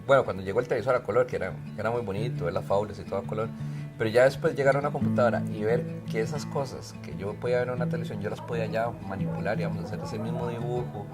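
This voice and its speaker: His lowish voice racing along, a Mexican-born professor and researcher who was raised in Costa Rica responds to interview questions. This middle-aged man explains things in a relaxed way and fills his speech with fillers, while faint music sounds in the background.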